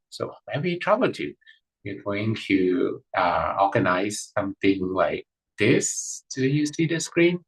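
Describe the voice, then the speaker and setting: A male monk leads an online meditation session, talking slowly and pausing often. His voice sits on the low side and has a husky edge. He restarts his sentences and fills the gaps with ums. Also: a bit bright, poor audio. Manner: hesitant, many fillers and restarts. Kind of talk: live online meditation talk.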